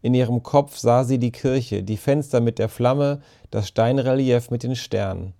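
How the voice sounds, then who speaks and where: Brief: male audiobook narrator, mellow tone, measured storytelling. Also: medium pitch, gravelly.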